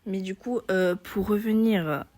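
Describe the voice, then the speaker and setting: A woman's voice: mid-range voice, measured pace, a little mellow. Rambling, chatty young woman vlogger. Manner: rambling, chatty, full of fillers. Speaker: beginner gaming YouTuber. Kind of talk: casual vlog chat.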